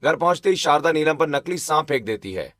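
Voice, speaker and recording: A man narrating a cartoon story in a steady storytelling manner. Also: on the high side, a little fast, dry recording.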